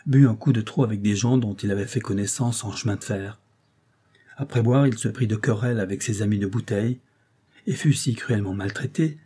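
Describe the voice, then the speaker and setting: A man's voice: medium pitch, warm tone, slightly rough, lightly acted. A man voicing a frightened older male nobleman who pleads in an agitated way. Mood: anxious.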